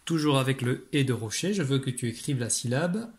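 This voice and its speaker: A man's voice: medium pitch, animated, a little mellow. Patient man teaching a child to spell. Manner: patient, addresses a young child directly; slow, spelled-out dictation of sounds and letters. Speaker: primary school teacher. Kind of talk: online spelling lesson with dictation.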